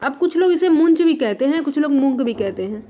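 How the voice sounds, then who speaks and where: Woman, high voice, exam-prep art lecture, slow repeated terms. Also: lively intonation, warm tone. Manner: writes on a board while dictating; repeats terms slowly for note-taking. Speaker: art teacher.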